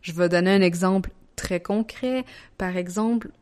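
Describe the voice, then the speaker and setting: Soft-spoken Quebec French woman, lowish voice. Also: moderate pace. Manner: soft, hushed, gentle delivery so as not to wake a sleeping child. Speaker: podcast host. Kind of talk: casual solo podcast talk. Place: living room at home at night.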